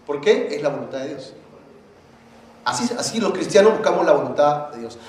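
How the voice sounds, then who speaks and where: A man preaching a sermon as pastor, animated and often asking the congregation questions. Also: a little high. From Peru. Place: church hall. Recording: very echoey church hall, faint noise.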